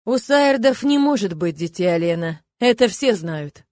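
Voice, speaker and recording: A woman's voice: medium pitch, expressive, normal speed, darkish tone, close to an everyday voice. A woman voicing a terse, guarded male warrior in his thirties. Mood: defensive. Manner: terse, evasive, getting defensive. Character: 34-year-old male high-ranking warrior, guarded.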